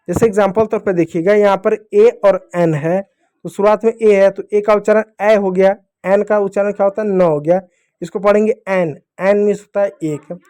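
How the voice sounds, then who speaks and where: High-pitched man teaching kids phonics. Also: dark tone. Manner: patient, repeats each rule as a question and answer. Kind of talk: phonics lesson for young children.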